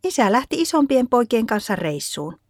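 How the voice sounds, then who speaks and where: A gentle, patient mother speaks softly and soothingly to her child, voiced by a woman reading the story. The voice sits somewhat higher and the sound is dry. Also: big pitch swings, no echo. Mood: tender.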